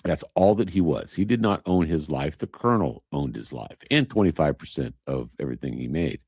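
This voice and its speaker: A man's voice: very deep voice, animated, a little fast, darkish tone, husky, no echo, clean studio sound. A man chatting casually as a host, an emphatic, rambling storyteller. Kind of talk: casual chat.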